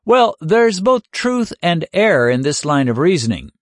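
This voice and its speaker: A man delivers a sermon with an earnest, searching tone, leaning on rhetorical questions and slowing his words to drive points home. His voice sits a little high for a man. The recording is dry and close, with no room sound. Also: very animated, no room sound. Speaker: preacher.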